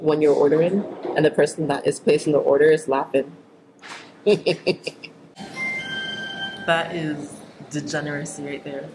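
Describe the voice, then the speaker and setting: A young woman narrates a travel vlog, talking to a handheld camera held at arm's length as she moves through a car, restaurants, and an outdoor park. She is chatty and upbeat and laughs easily, though her low voice is unhurried, with fairly even intonation and long pauses. The recording is low quality, with music in the background.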